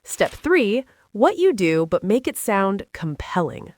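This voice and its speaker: A woman's voice: mid-range voice, very animated, slow pace, darkish tone, dry recording. Playful American woman teaching English. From United States. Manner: playful, teasing, upbeat. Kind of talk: scripted conversation lesson.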